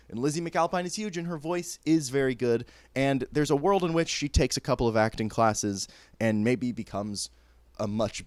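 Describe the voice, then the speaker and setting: A man's voice: mid-range voice, no echo. Candid jokey man, dry sound. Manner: candid and jokey, laughs mid-sentence, stumbles and restarts. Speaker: vlogger reviewing theater shows. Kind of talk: casual opinionated chat.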